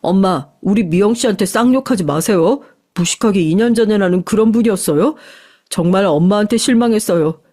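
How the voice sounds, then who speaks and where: A woman's voice: medium pitch, a little fast, mellow, close to an everyday voice. A woman voicing an earnest young boyfriend who talks urgently. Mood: angry. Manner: pleading then firm. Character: apologetic young man, the boyfriend.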